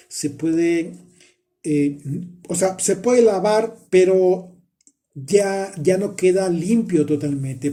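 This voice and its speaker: A man's voice: on the high side, warm tone. A man teaching a Bible study, reading scripture aloud and explaining it, often restarting his phrases.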